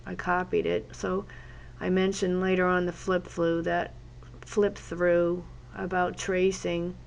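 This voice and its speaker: A fitness instructor and journaling vlogger with a congested cold voice chats casually while drawing in her journal, rambling and wandering off topic. Her voice is fairly low, level, and creaky, she speaks slowly, and there's slight background noise.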